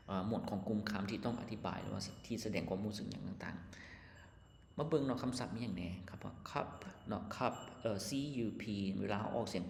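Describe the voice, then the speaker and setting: A man with a Lao accent teaching an English lesson, explaining words slowly and spelling them out letter by letter. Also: on the low side, a little mellow, a little hiss or hum. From Laos. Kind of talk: casual lesson walkthrough. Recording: echoey room with long reverb.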